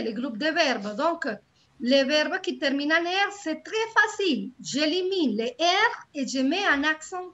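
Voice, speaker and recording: Woman, teaching French online. High, unhurried, lo-fi call audio. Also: fairly bright tone. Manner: patient, repeats words slowly and checks for understanding. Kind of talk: live online class teaching grammar.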